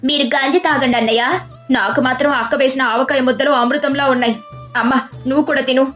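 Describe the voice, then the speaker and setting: A woman voicing a blunt, teasing young woman, quick and mocking, in a storybook tale. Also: high voice, fairly even intonation, a bit bright, faint music behind. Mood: cheeky.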